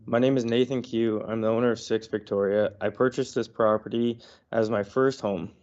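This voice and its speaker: A man who is feeling unwell, reading a prepared statement to a council committee in an earnest, slightly halting way over a remote call. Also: lowish voice, fairly even intonation, a little mellow. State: unwell, under the weather. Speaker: property owner presenting to council. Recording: dull lo-fi online audio.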